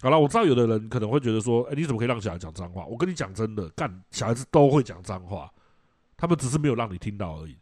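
A middle-aged man with a Taiwanese Mandarin accent, hosting a casual chat show, telling stories in a blunt, profane and animated way. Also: fairly low pitch, very fast, no room sound, studio quality. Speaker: podcast host.

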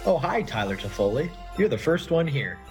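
Man playing a nervous, eager, animated party host. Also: a little high, moderate pace, faint music behind. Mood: nervous eagerness. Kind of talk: scripted comedy sketch.

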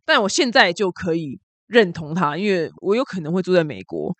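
Woman, Taiwanese Mandarin accent, podcast host, exclamatory casual chat, quick pace, dry close sound. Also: fairly low pitch, expressive, fairly bright tone, dry recording. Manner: chatty, exclamatory, sprinkles English words. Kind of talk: casual news commentary.

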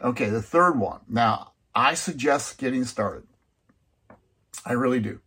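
A man with a slightly husky voice explains coaching in an unscripted, conversational way. He sits at a middle pitch, talks earnestly, and often restarts his sentences as he teaches. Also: lively intonation, unhurried, bright, forceful tone. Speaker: business coach. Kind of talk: casual instructional talk.

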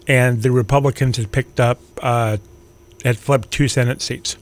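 A man's voice: medium pitch, steady tone, moderate pace. A man on a radio show plainly reporting election figures in casual talk.

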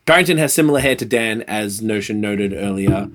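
A man's voice: on the low side, expressive, a little fast, fairly bright tone. A man chatting casually as a podcast host, laid-back, slangy and free with swearing. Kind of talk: casual chat.

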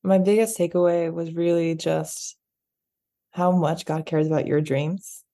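A woman's voice: on the low side, fairly even intonation, measured pace, dark tone. A young woman explaining things casually in an interview, dropping in "like" often. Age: young adult. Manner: explanatory, uses "like" a lot. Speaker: guest, beach volleyball player.

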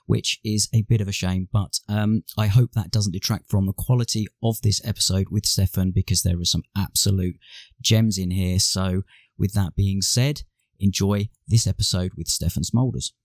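A man's voice: low voice, fairly even intonation, moderate pace, dry recording. A man hosting a podcast, apologizing casually to listeners while recording through an earbud microphone. His voice has a tinny sound, and he talks loosely with many fillers and restarts. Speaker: podcast host. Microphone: earbud headset microphone.

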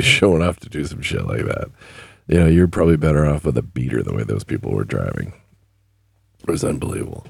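A man's voice: extremely low pitch, gravelly, darkish tone, dry recording. A man hosting a casual solo podcast, rambling and plainspoken, choking up with grief. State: grieving, choking up. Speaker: podcast host.

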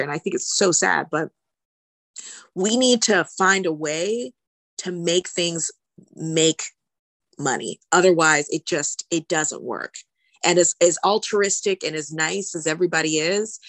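A woman's voice: lowish voice, a bit bright, dry recording. A woman speaking casually as an interview guest, explaining things conversationally and repeating words for emphasis. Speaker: podcast guest, healthcare lawyer.

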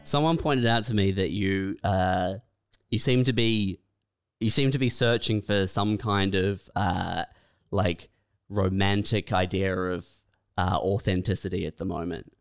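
A man's voice: low voice, a little slow, smooth, faint music behind. A man co-hosting a podcast, speaking hesitantly and filling his sentences with "uh" and "like". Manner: hesitant, full of filler words. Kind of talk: casual comedic chat.

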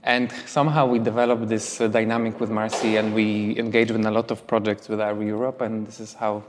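A man's voice: fairly low pitch, level tone, fairly quick, background noise. Man in a reverberant hall. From Poland. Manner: chatty, many fillers. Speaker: interviewee, writer. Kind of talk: live stage interview.

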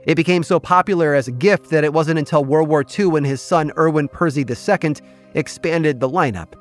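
Guy host reading a scripted story, deliberate pauses, bit of music behind him. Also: a little high. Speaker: podcast host and narrator.

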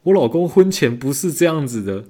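A man's voice: expressive, a little fast, a little mellow. A man imitating a clueless female customer who complains plaintively and pushily about her husband. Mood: whining. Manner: high-pitched, plaintive and pushy.

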